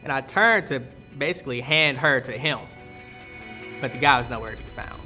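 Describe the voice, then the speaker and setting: A news cameraman telling, in a halting and reflective way, how he waded into floodwater. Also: medium pitch, sharp tone, faint music behind. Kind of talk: recounting in a documentary interview.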